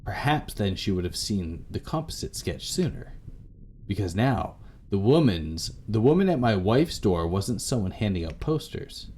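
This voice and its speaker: A let's play YouTuber reads a visual novel aloud with dramatic narration, rereading lines when he stumbles. His voice is on the low side, sing-song, a little mellow and breathy, at a normal speed, with game music playing underneath.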